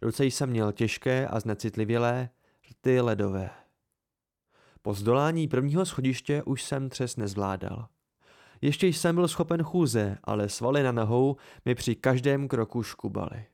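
A man narrating a first-person fantasy novel as an amateur audiobook reader, in a measured, even storytelling way. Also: mid-range voice.

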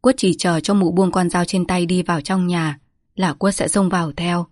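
Female storybook narrator, steady and even, dry close recording. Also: fairly low pitch, normal speed, no room sound.

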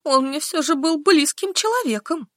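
A woman's voice: medium pitch, very animated, fairly quick, sharp tone, no echo, studio quality. A woman voicing a stern young woman grieving her former lover, in an audiobook. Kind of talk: audiobook character voice.

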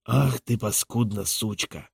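A man voicing a drunk, hulking, jealous husband who speaks in a slow, slurred, menacing drawl, in an audiobook. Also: fairly low pitch, vocal fry, breathy edge, no room sound, clean studio sound, full character voice. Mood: drunken menace. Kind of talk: audiobook character voice.

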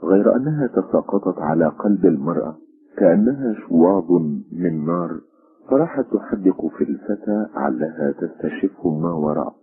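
Deep husky male radio storyteller. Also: phone-quality sound. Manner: measured, literary storytelling. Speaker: narrator. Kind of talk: scripted radio story narration.

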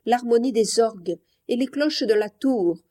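Female audiobook narrator; mellow, measured, solemn literary reading. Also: a little high, expressive. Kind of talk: scripted narration.

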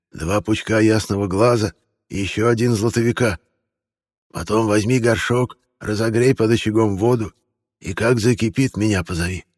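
Мужчина изображает старую травницу. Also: male voice, fairly low pitch, darkish tone, no room sound, clean studio sound, long reverb tail, pitched above the performer's own voice, close to an everyday voice. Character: old woman herbalist, fussing and caring. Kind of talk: audiobook character voice.

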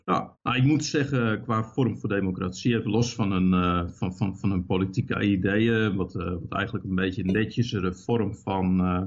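A man's voice: sits low, fairly even intonation, normal speed, hardly any pauses, highs cut off. A man hosting a casual radio interview, asking questions and often repeating words as he talks. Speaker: radio host.

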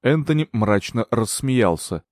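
A man reading a novel aloud as a narrator, expressive and dramatic. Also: mid-range voice, measured pace, no echo, studio quality. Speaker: audiobook narrator. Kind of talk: scripted narration.

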